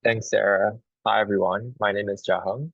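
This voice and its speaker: Low gravelly young man from Singapore. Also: moderate pace, no room sound. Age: 20s. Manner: casual, relaxed, with filler words. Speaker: student panelist. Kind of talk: self-introduction on a panel. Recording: dull lo-fi call audio.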